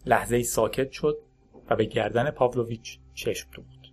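Steady male audiobook narrator. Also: medium pitch, breathy edge. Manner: steady, measured storytelling. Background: faint background music.

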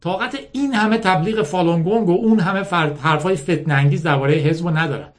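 A man's voice: high-pitched, close to an everyday voice. A man voicing a cautious, blunt young ex-prisoner in a storybook reading, speaking in a skeptical way. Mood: scoffing. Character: wary blunt young male ex-prisoner called Tank.

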